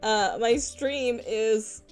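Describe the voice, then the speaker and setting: A woman chatting casually on a live stream in a cute, girlish anime-streamer manner, giggly, expressive and playfully dramatic. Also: on the high side, drawn-out words, soft background music. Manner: giggly, frequently breaking into laughter.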